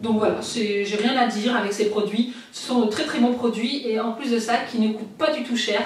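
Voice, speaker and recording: A woman's voice: fairly high pitch, recorded from a distance. A young woman, a mother, chatting casually while reviewing household products, with lots of fillers. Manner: chatty, many fillers and "franchement". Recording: echoey room, a little off-mic, faint noise.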